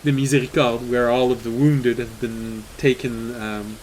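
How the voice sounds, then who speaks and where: A man's voice: mid-range voice, level tone, moderate pace, darkish tone, rough recording. A man narrating a tabletop game as game master, chatty, with fillers and laughs. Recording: faint hiss in the background.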